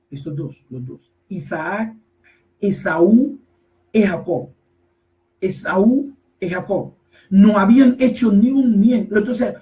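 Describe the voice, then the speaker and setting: A man preaching a sermon, emphatic and repetitive, slowly reading scripture verses and then explaining them. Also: high voice, far from the mic, phone-quality sound. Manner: emphatic, repetitive, rises to shouts on key phrases.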